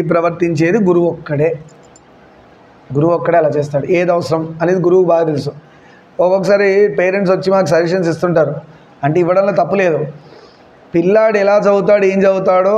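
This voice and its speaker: A middle-aged man with a high voice teaches a classroom, drawing out his explanations slowly and pausing to stress what students should remember. The sound is dull and lo-fi, with faint noise of the room behind him. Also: a little mellow. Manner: slow, deliberate explaining with digressions and reminders to remember. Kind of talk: classroom storytelling lesson.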